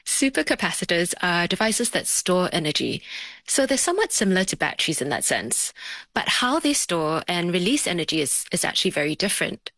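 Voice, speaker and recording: A woman's voice: on the low side, very animated, brisk, fairly bright tone, dry recording. Woman explaining science on radio, dry sound. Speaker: science broadcaster on a panel. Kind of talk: explanatory radio storytelling with analogies.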